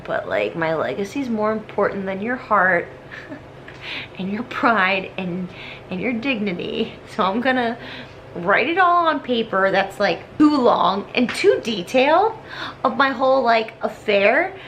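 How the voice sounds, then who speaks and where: A woman's voice: medium pitch, a little slow, slight background noise. A woman rambling drunkenly through a comic retelling in casual slang, acting out the characters as she goes. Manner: tipsy, rambling drunken delivery; animated, acts out characters in slangy dialogue. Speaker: storyteller.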